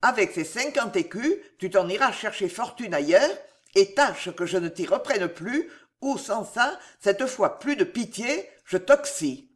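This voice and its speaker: A storyteller voices a wicked old miser, cruel and gloating, who mocks his victim with dark relish. The voice sits a little higher and louder than the narration, with a lively, swooping pitch. It comes from a read-aloud storybook. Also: a little slow, lightly acted. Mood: threatening. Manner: mocking, menacing, laughs darkly.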